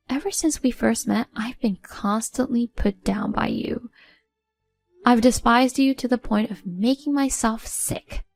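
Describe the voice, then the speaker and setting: A woman narrating a first-person story in a blunt, cold, confrontational way. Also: a little high.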